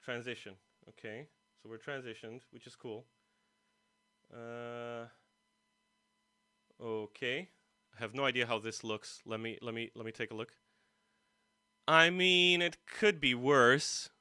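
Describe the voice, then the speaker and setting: A man hosting a relaxed guitar livestream rambles to viewers and to himself, poking fun at himself. His mid-range voice is bright, forceful and smooth, unhurried with frequent pauses, with no room sound. His streaming mic is poorly placed and music plays behind him.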